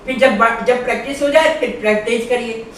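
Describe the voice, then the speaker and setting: A woman's voice: on the high side, steady tone, normal speed, a bit bright. A woman yoga teacher explains breathing exercises patiently, one step at a time. Her voice comes from some distance off the mic in a strongly echoing room. A faint hum of ambience sits under her words. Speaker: yoga instructor. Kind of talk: instructional yoga lesson. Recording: very echoey room, far from mic.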